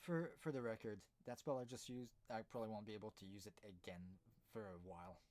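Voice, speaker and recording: A man's voice: fairly low pitch, fairly even intonation, fast talker, darkish tone. A man playing a tabletop game, making dry, teasing remarks. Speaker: player. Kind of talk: tabletop role-play chat.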